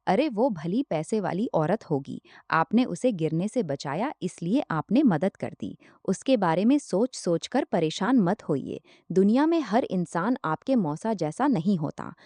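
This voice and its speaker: A woman's voice: on the low side, very animated, a little slow, hardly any pauses, warm tone, dry recording, full character voice. A woman voicing a caring young sister. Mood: reassuring.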